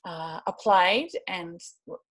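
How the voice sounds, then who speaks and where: A young adult woman from New Zealand, a guest on a podcast. She tells her story in a friendly, casual way. Her voice is a little low. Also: takes it slowly.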